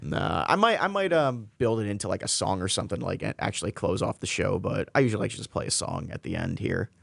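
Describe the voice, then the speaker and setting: A young man hosts a college radio show, his fairly low voice edged with gravel and fry. He rambles and jokes, often correcting himself mid-sentence. The studio sound is close and dry. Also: expressive, fast talker, no room sound. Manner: rambling, self-correcting, jokey. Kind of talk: casual on-air chat. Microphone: studio microphone.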